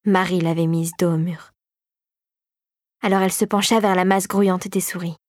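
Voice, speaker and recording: A woman reading a fairy tale audiobook in measured, scripted narration with quiet tension. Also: lowish voice, steady tone, no echo, studio quality.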